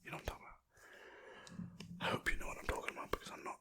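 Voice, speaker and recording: Reading lines at a quick pace, the ASMR creator whispers softly and voicelessly into a close, sensitive mic. The talk rambles, with plenty of self-mockery.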